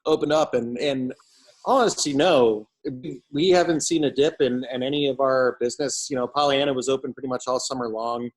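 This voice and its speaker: A man's voice: mid-range voice, normal speed, low-quality recording. A man giving a casual interview as a brewery owner, talking in a loose, rambling, conversational way. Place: at his brewery.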